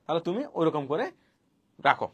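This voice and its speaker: Fast-talking man teaching a lesson. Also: fairly high pitch, lively intonation, fairly bright tone, dry recording, highs cut off. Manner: repeats points and quizzes students, urging them to hurry. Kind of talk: fast spoken online lesson on pronunciation rules.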